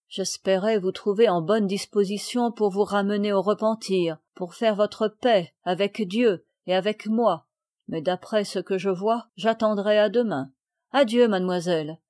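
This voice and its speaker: A stern, composed noble lady, as a woman narrator puts her on hands out a punishment in a measured, cold, formal voice. Her pitch sits in the middle of a woman's range. The voice is dry and close, as in a storybook reading. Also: darkish tone, no echo, natural voice. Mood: stern calm. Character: calm stern aristocratic lady guardian.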